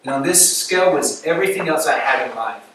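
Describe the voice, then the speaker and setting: A man in his thirties, a pastor, telling his conversion story to a student group in animated, laughing sermon storytelling. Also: a little high, fast talker, recorded from a distance. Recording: echoey room recorded from afar, noisy.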